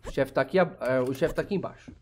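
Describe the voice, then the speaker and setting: A young man with a Brazilian Portuguese accent doing chatty let's play commentary, talking to viewers and breaking into sudden excited shouts. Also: mid-range voice, very fast, slight background noise. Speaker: gameplay channel host.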